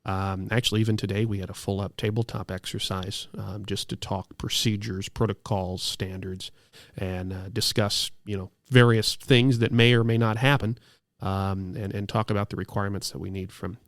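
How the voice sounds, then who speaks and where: A man's voice: fairly low pitch, steady tone, moderate pace, dry recording, studio quality. A man in his thirties, an air show announcer, telling stories enthusiastically in a casual interview. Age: 30s.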